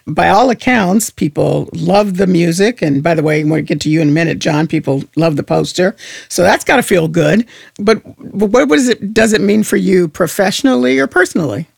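A woman's voice: lowish voice, normal speed, gravelly, husky, no echo, studio quality. A woman interviewing guests in a conversational, questioning manner. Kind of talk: broadcast interview.

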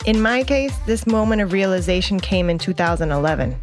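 A woman's voice: mid-range voice, animated, a little fast, soft background music. A woman in her thirties narrating a documentary as host, in a reflective, earnest storytelling way. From United States.

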